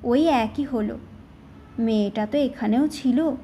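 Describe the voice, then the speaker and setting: A woman's voice: a little high, a little slow, warm tone, slight background noise. A woman voicing an old female servant who answers in short, clipped, muttered replies, in a read-aloud audio story. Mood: reluctant.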